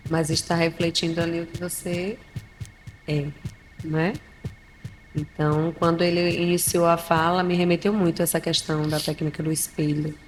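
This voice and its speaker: Low-voiced Brazilian woman in a reverberant room. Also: little pitch movement, moderate pace. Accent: Brazilian Portuguese. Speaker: podcast mediator. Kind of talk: casual chat. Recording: reverberant room with faint noise.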